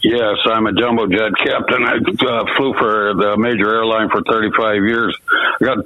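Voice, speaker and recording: A man's voice: on the low side, fairly even intonation, moderate pace, dry recording. An older man being interviewed on the radio, talking in a folksy, rambling way and repeating himself. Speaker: interview guest, retired airline pilot. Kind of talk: conversational radio phone interview. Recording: thin telephone line sound.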